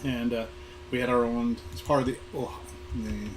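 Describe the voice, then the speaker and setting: His voice is hoarse from a recent illness, average in pitch and barely moving: a middle-aged or older Southern Californian, a museum programming manager, reminiscing as a guest speaker. He halts, repeating little words while searching for the next. Background noise and room ambience fill the live recording.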